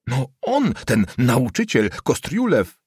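A man voicing a defiant teenage schoolboy whose hoarse bass keeps breaking into falsetto, agitated and trembling. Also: big pitch swings, a little fast, dry recording, clean studio sound. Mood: shaking defiance. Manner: agitated, shaking, brazen.

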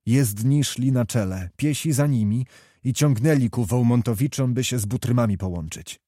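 A man narrating a historical novel in a measured, even reading voice. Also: medium pitch, no room sound, studio quality. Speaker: audiobook narrator. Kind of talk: scripted storybook narration.

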